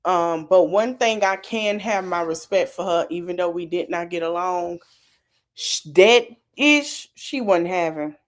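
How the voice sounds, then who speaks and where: A woman's voice: fairly low pitch, measured pace. A woman hosting a podcast, chatting casually and animatedly. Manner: animated, laughs, acts out quotes. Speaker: podcast host. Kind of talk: casual commentary chat.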